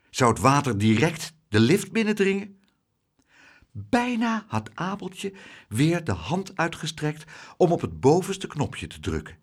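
A man narrating a children's storybook in an expressive, dramatic way. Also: mid-range voice, husky.

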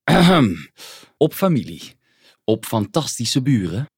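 Narrator putting on a pompous fatherly troll for a storybook; booming, dry close sound. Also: big pitch swings, moderate pace, a little mellow, dry recording. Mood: toasting. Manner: theatrical, throat-clearing.

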